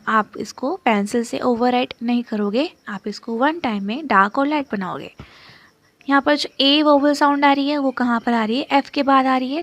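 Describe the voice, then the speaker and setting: A woman with a slightly high voice, recorded dry, gives a step-by-step shorthand lesson as she writes. She patiently repeats terms and checks understanding with "okay?"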